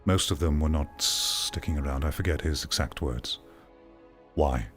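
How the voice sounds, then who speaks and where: Hosting a VR gaming commentary stream, a man with a bass voice speaks at a measured pace. His off-the-cuff remarks are critical and opinionated, with phrases repeated for emphasis. Faint music sits behind him.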